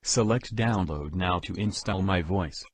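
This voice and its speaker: A synthetic text-to-speech male voice with an American accent, played from a tablet speaker, speaking in a slow, even, announcer-like way. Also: low-pitched, background noise. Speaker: demo voice on a speech app.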